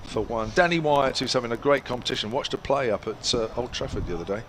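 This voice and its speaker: A man's voice: mid-range voice, quick pace, a bit bright. A man working as a cricket commentator, giving live play and match updates in short, chatty phrases. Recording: clear outdoor ambient noise behind voice.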